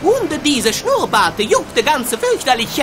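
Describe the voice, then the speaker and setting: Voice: high voice, huge pitch swings, slow, heavily acted. A woman voicing a boy in a video game who talks like a jolly Italian pizza-chef caricature, with a mock Italian accent. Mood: startled, bothered. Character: boy apprentice turned into mustachioed Italian plumber. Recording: clear background ambience noise.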